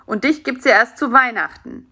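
A woman voicing a greedy, grumbling male spider in a children's audiobook, talking in a low, sulky tone. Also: moderate pace, pushed and bright, slightly rough. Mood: matter-of-fact.

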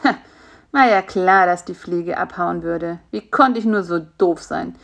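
A woman's voice: on the low side, a little slow, gravelly, a bit bright. Grumpy timid male spider, voiced by a woman, complaining, storybook character. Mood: fretful. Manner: grumbling, complaining.

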